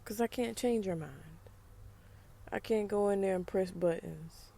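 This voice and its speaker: Southern US woman, casual vlog monologue, mellow warm tone, frank and emphatic with conversational asides. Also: mid-range voice, unhurried, vocal fry. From United States. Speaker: vlogger.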